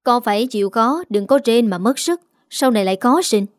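A woman's voice: a little high, lively intonation, a little fast, no room sound, clean studio sound, close to an everyday voice. Woman doing a bossy, dismissive mother-in-law. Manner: curt, scolding.

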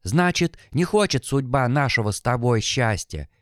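A man reading an audiobook, voicing a gentle, fatalistic young village woman in an earnest, pleading manner. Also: mid-range voice, lively intonation, normal speed, no room sound, clean studio sound, natural voice. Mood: tender.

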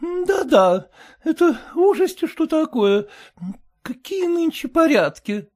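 A reader voicing a fussy, fretful middle-aged merchant's wife who scolds in a shrill, raised voice. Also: female voice, sing-song, slow, darkish tone, heavily acted.

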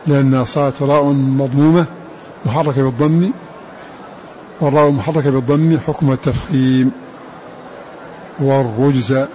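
A man teaching the variant readings of the Quran, explaining slowly, repeating words and chanting verse lines. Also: mid-range voice, dark tone, muffled recording, a little hiss or hum.

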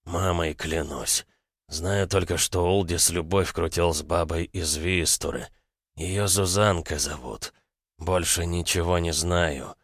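A man voicing a wounded young male bandit, weak and half-whispering, with slow, halting words and pauses between them. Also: sits low, steady tone, no room sound, clean studio sound, heavily acted. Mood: faint.

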